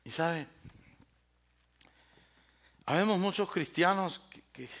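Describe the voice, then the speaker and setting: A man's voice: fairly high pitch, slow pace, fairly bright tone. A male pastor preaching a sermon with dramatic swings, who asks rhetorical questions and speaks directly to the congregation. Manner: addresses listeners directly and by name.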